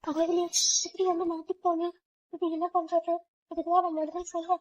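A woman's voice: extremely high pitch, flat delivery, moderate pace, darkish tone. A woman voicing a protective older sister figure who reassures the younger girls. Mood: panicked. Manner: reassuring, motherly. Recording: dull lo-fi sound.

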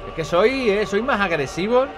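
A man's voice: high voice, animated, moderate pace, noisy background. A young man with a Spain Spanish accent giving rambling, casual gameplay commentary, swearing often and talking to his viewers. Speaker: gaming channel host. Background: game music.

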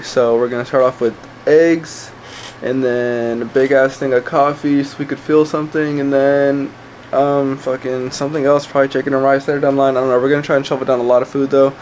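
A man's voice: mid-range voice, little pitch movement, a little fast, a little mellow, a little hiss or hum, poor audio. A young adult man chatting casually to camera like a gym bro, with slangy, sweary talk, as a fitness vlogger. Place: small indoor rooms at home, bedroom and kitchen.

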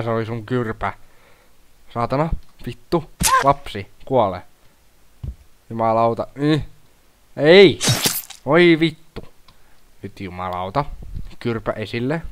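Swearing young gamer man, noisy mic. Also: lowish voice. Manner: swearing, shouting at the game, laughing. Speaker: gaming YouTuber. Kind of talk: profane let's-play commentary.

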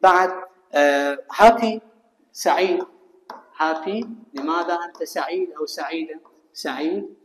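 A man with an Iraqi Arabic accent teaching English to students, reading phrases slowly and translating each one. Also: a little high, a bit bright, slight background noise. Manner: explains slowly, reads English phrases then translates them. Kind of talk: recorded classroom lesson. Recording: echoey room with long reverb.

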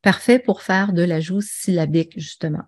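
A woman's voice: lowish voice, normal speed, a little mellow. A woman presenting an online teaching webinar, chatty and full of fillers and restarts. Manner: conversational, with many fillers and restarts.

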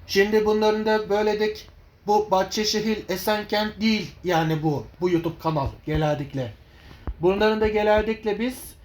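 A man giving informal vlog commentary on his videos in a rambling, repetitive, halting way. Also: sits high, darkish tone. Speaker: video channel host.

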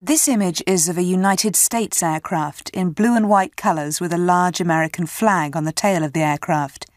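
A woman's voice: fairly low pitch, normal speed, no echo, clean studio sound. A woman describing a picture in a methodical, matter-of-fact way.

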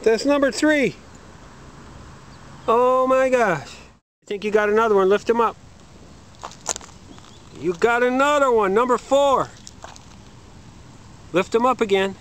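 Outdoors by a park pond, a man films his young son and cheers him on, praising every catch in an encouraging home-video commentary. His voice is very high and fairly bright, a bit slow, with frequent pauses. The handheld camcorder audio has music laid over it and slight background noise.

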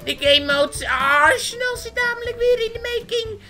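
A performer voicing a squeaky, hyper, cartoonish young male gamer, chattering boastfully through gameplay commentary. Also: moderate pace, over music. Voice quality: squeaky, swooping, with sudden high squeals. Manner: excitable, boastful, chatters nonstop at the screen. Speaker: game commentator.

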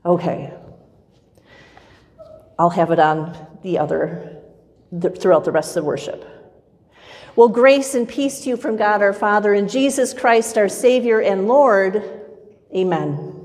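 A middle-aged woman pastor preaching a sermon from a pulpit in a church, in a measured, rhythmic style with much repetition. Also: medium pitch, a little mellow. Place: church sanctuary with pipe organ, far camera. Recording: long church reverb.

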